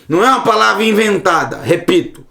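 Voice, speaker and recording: A man's voice: high voice, animated, a little fast, vocal fry, sharp tone. A man giving a casual online Hebrew lesson, repeating words to drill their sound. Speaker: Hebrew teacher.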